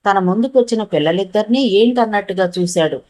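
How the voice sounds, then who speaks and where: A woman's voice: mid-range voice, fairly quick, warm tone, rough recording. Woman narrating a novel.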